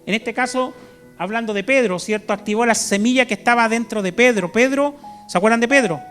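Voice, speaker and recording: A man with a Chilean accent preaching a sermon to his congregation, animated, constantly checking in with "¿cierto?" and bursting into loud shouts. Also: very high-pitched, a little fast, faint music behind. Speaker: pastor. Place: church service.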